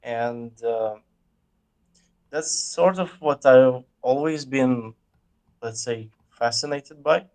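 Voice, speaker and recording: A man in a casual conversation, explaining ideas in a measured way and often pausing to search for words. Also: mid-range voice, darkish tone. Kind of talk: casual chat.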